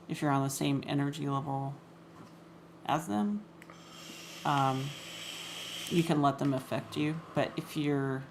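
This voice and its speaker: A woman's voice: a bass voice, creaky, slight background noise. A woman co-hosting a podcast, talking thoughtfully and hesitantly. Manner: thoughtful, hesitant, many fillers. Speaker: podcast co-host. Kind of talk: casual chat.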